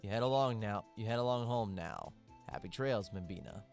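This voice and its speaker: A man's voice: on the low side, animated, fairly quick, creaky, soft background music, pitched below the performer's own voice. A man voicing a swaggering male detective who talks like a Wild West cowboy, drawling in frontier slang.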